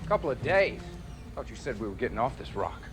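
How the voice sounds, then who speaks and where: A man's voice: mid-range voice, very animated, a little fast, over music, close to an everyday voice. An actor playing a cocky, sardonic police detective in a TV drama, with wry, clipped tough-guy talk. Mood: wary, challenging. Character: cocky, sardonic male police detective undercover as con man. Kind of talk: naturalistic TV drama acting.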